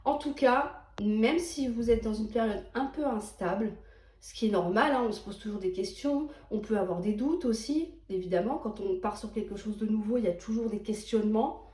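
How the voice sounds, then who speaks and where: A woman's voice: mid-range voice, normal speed, a little mellow, echoey room. Chatty woman reading tarot. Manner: reassuring, chatty, checks in with "d'accord?". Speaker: tarot reader. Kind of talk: tarot card reading monologue.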